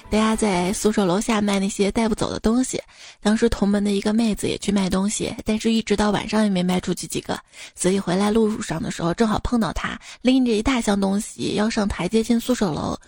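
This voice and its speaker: A woman's voice: medium pitch, fairly even intonation, fairly quick, vocal fry, darkish tone, no room sound. A young woman hosting a show, reading listener jokes aloud in a teasing, chatty way and laughing at her own punchlines. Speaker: radio-style host reading listener jokes. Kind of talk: playful joke-reading monologue.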